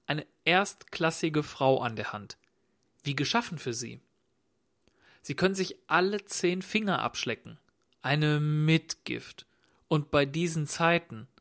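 A man voicing a clumsy, pushy insurance agent with smooth sales patter. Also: on the high side, a bit bright, heavily acted.

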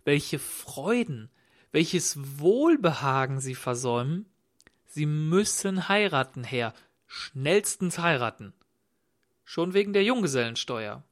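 A man voicing a clumsy, pushy insurance agent with smooth sales patter. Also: on the high side, sing-song, slow pace. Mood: salesman patter.

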